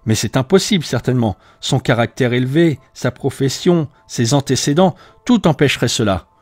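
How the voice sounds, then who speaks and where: A man's voice: mid-range voice, animated, normal speed, no echo, natural voice. A man voicing an anxious middle-aged widowed landlady who speaks in a troubled, pleading way.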